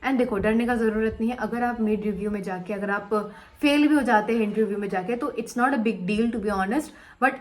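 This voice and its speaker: A woman's voice: a little high, rough recording. Chatty young woman vlogger. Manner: chatty, mixes Hindi and English, blunt slang. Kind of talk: casual chat to camera.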